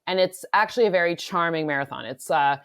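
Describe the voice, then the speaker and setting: Woman from Michigan, lowish voice, quick and eager analytics co-host on a casual podcast. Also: animated, fairly bright tone, clean tone. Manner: rapid, self-correcting, enthusiastic. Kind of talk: casual sports podcast chat.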